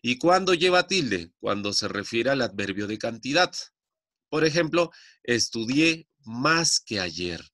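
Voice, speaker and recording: A man's voice: medium pitch, sing-song, unhurried, pushed and bright, no echo, clean studio sound. A man teaching a classroom grammar lesson, explaining patiently and checking understanding often.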